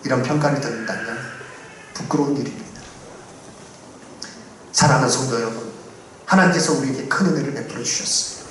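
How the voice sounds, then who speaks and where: Male pastor, sermon; exhorting, loud peaks and soft asides; distant mic in a reverberant church. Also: fairly quick, long pauses, a little hiss or hum. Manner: swings between loud emphatic declarations and quiet low asides; solemn, exhorting cadence with repeated benedictions. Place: church sanctuary. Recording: very echoey hall, mic far off.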